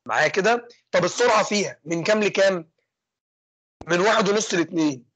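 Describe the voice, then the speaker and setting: A young man with an Egyptian accent teaching an engineering class online. He talks fast and keeps asking questions and then answering them himself. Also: sits high, a bit bright, breathy edge, dry recording. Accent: Egyptian Arabic. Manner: fast, asks and answers his own questions. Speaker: engineering lecturer. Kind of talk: online lecture with student questions.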